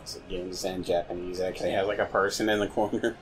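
A man's voice: low voice, fairly even intonation, fast talker, faint music behind. A young man joking around and cheering on a friend's video game play. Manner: joking, shouts encouragement. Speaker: co-host watching the game. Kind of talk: casual let's-play commentary.

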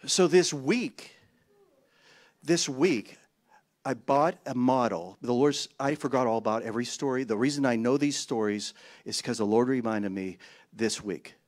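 A man preaching a sermon, telling a story with animated exclamations and chuckling asides. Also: mid-range voice, measured pace. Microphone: handheld mic.

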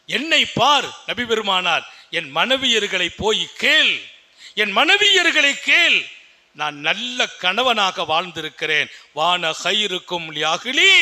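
High, bright-voiced man preaching. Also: lively intonation, takes it slowly. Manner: swings between hushed low storytelling and loud high-pitched exhortation; uses repetition and rhetorical questions. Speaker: Islamic preacher. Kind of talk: sermon.

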